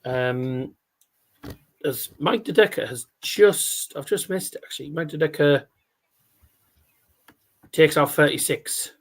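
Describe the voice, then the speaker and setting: Man casually calling live darts, higher-pitched voice. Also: expressive, takes it slowly, pauses often. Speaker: host of a live darts watch-along stream. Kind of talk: casual live sports commentary.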